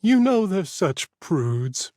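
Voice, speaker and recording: A mischievous old woman who talks over everyone, put on by a male narrator. She sits lifted well above his usual register, bright and a touch loud, chatty and teasing in a storybook reading. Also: high-pitched, sing-song, takes it slowly, no room sound, studio quality, voice pushed up, full character voice.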